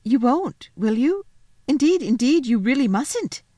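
A woman voicing an earnest, kind-hearted, excitable little girl in a children's storybook, speaking eagerly and emphatically. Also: medium pitch, normal speed, no echo, studio quality, close to an everyday voice. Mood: pleading. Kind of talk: children's storybook read aloud.

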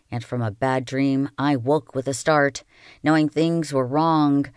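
A reader narrating a novel aloud in a calm, even storytelling manner. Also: mid-range voice, no room sound, clean studio sound. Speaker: audiobook reader.

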